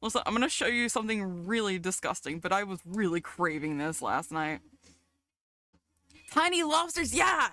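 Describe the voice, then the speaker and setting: A woman from the South, chatting casually with her stream chat, chatty and quick to giggle. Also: on the low side, no room sound. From American South. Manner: giggly, chatty, easily excited.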